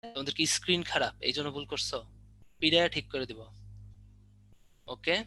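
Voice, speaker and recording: A young man runs an online biology lesson for exam prep. His voice is bright and sits a little high, and he keeps quizzing the class and playfully threatening to beat anyone who answers wrong. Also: a little fast. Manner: teasing mock threats, drilling questions. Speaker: biology tutor.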